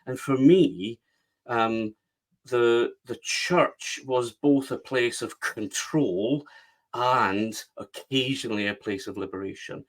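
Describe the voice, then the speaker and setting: A man with a West of Scotland accent talks as a guest on an interview podcast. His voice sits at an ordinary middle pitch, and he leans hard into his points, piling phrase on phrase. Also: takes it slowly. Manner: emphatic, builds points in repeated phrases. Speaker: guest, book strategist.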